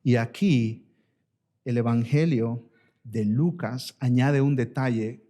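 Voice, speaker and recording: Man, pastor, sermon, emphatic highs, hushed slow drops, mid-pitched voice. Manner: addresses listeners as brother and sisters.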